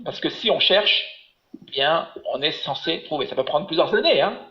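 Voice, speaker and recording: Man, patient Hebrew teacher on a webinar, slightly high voice, dull echoey call audio. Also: animated, normal speed. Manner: patient, encouraging, explains step by step. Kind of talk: online class, teaching.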